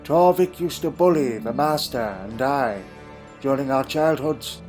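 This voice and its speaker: A man's voice: mid-range voice, a little slow, darkish tone, close to an everyday voice. A man playing a troubled, evasive Time Lord in a fan audio drama, with formal, theatrical, brooding delivery. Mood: brooding, melancholy. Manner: brooding, theatrical, old-fashioned formal phrasing. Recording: music behind the voice. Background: music.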